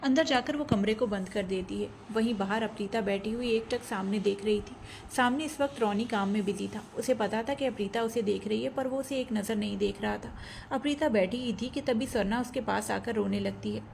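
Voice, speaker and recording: A woman's voice: mid-range voice, a little fast, creaky, a little mellow, slight background noise. Woman narrating an audio story.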